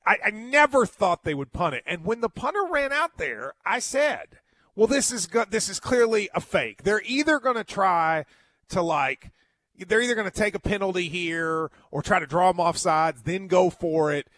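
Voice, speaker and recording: A male sports host delivers a solo postgame monologue in a fairly high voice. The sound is very dry. He is emphatic, often stopping and repeating words as he makes his point. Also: very animated, measured pace, a bit bright, no room sound.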